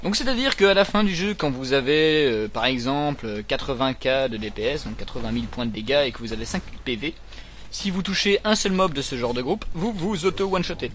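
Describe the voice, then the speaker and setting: A man's voice: mid-range voice, lively intonation, brisk, fairly bright tone, a little hiss or hum. A man co-hosting a gaming video, casually explaining game mechanics between jokes and banter. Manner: explains game mechanics while joking around. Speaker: gaming channel co-host. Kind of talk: casual let's-play commentary.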